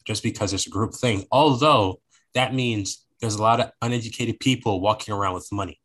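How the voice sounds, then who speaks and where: A man's voice: on the low side, brisk, fairly bright tone, poor audio. A young man talking casually on a podcast, rambling and repeating phrases as he searches for words.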